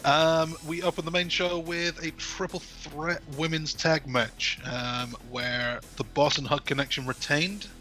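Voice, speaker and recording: Guy, slightly high voice, relaxed banter, laughs a lot. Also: unhurried, hardly any pauses, soft background music. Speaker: podcast co-host. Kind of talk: casual chat reviewing wrestling results.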